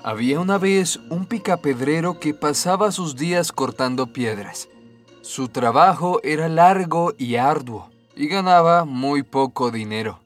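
A man narrating a fairy tale in a measured, clear storytelling cadence. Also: on the high side, faint music behind.

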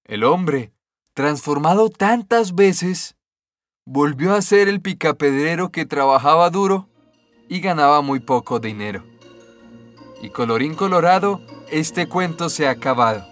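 A man narrating a fairy tale in a measured, clear storytelling cadence. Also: on the high side, lively intonation, a bit bright, no room sound, soft background music.

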